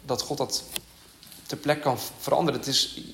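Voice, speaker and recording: A man preaching a sermon in an earnest, halting way, with many fillers and restarts. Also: medium pitch, steady tone, vocal fry, fairly bright tone, echoey room, slight background noise.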